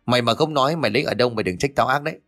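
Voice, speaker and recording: A man voicing an angry older village man, barking rough threats. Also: medium pitch, very fast, fairly bright tone, no room sound, studio quality, lightly acted. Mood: furious.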